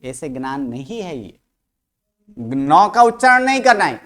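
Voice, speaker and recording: In a mid-range, sing-song voice that is a bit bright, a teacher runs an online language lesson at a moderate pace. She keeps quizzing the class and says each sound aloud again and again to drill pronunciation.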